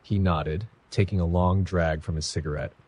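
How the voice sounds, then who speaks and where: A man reading a first-person horror story in a measured, somber scripted narration. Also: deep voice, steady tone, darkish tone, slightly rough.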